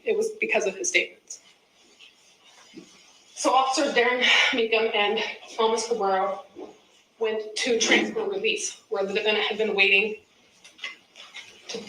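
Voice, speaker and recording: A woman prosecutor giving an opening statement in court, in measured, deliberate phrases. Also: mid-range voice, fairly even intonation, bright, forceful tone. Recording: echoey courtroom, clear background noise.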